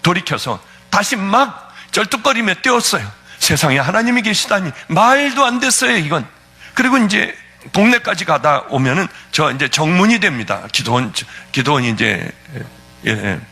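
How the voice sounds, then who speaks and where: A man's voice: sits high, very animated, normal speed, pushed and bright, husky. A male pastor giving a fervent, emotional testimony sermon, telling his story with sudden swings of feeling.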